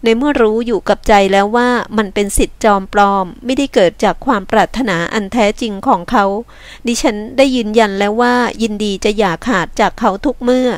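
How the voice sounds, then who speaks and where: A woman's voice: a little high, a little fast, dry recording, pitched above the performer's own voice, close to an everyday voice. Polite, pleading young woman in a read-aloud novel, voiced by a woman reader, dry close recording. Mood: bitter. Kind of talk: novel reading with voiced dialogue.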